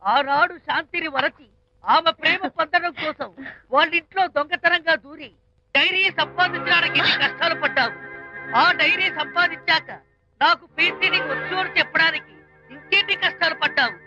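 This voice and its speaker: A man's voice: very high voice, fairly quick. An actor playing a meddling, teasing male friend who speaks theatrically and quotes proverbs. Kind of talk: Telugu film dialogue. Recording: slightly dull film soundtrack with music.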